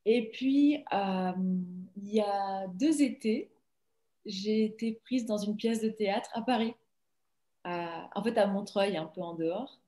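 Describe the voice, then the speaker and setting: A woman guest actress talks casually, with a relaxed flow full of small fillers and restarts. Her voice sits at an ordinary middle pitch. The recording carries a noticeable room echo. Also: slow. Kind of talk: casual interview chat. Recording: echoey room sound.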